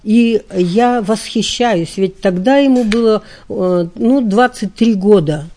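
An older woman, a literature scholar, answering interview questions in a measured, earnest lecturing manner with frequent hesitations. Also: mid-range voice, warm tone.

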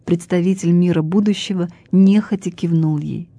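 A woman reading a story aloud as narrator, calm and even. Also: on the low side, normal speed, dry recording.

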